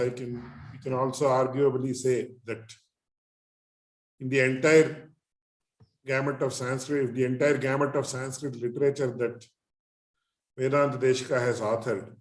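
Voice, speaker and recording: Echoey male lecturer. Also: medium pitch. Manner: measured, deliberate, phrase by phrase. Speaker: religious teacher. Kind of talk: lecture on Sanskrit literature and philosophy. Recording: echoey, roomy sound.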